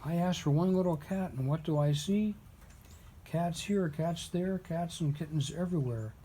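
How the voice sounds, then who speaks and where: A man's voice: a little high, moderate pace, dark tone, a little hiss or hum, lightly acted. A man reading the part of a practical, exasperated very old woman in a storybook. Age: older.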